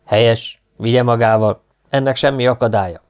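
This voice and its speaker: A stern Foreign Legion major in an audiobook , voiced by a male reader, clipped and commanding, who erupts into high, loud rage. His speech is full of curt orders and furious shouting. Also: fairly even intonation, smooth, lightly acted. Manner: curt, bursts into shouted raging. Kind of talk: audiobook character voice.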